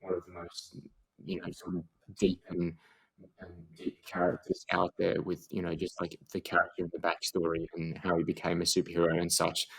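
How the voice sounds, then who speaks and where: A man with a very deep voice co-hosts a podcast styled as a jokey awards show. He talks in a loose, playful way and wanders through his thoughts with many fillers. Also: monotone, moderate pace, vocal fry, fairly bright tone, husky, low-quality recording. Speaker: podcast co-host. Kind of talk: casual chat, mock awards show.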